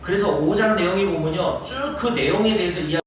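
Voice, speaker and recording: A man preaching a sermon as pastor, lively and teasing his congregation with questions. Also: high-pitched, a little fast. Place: large church hall. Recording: very echoey hall, mic far off.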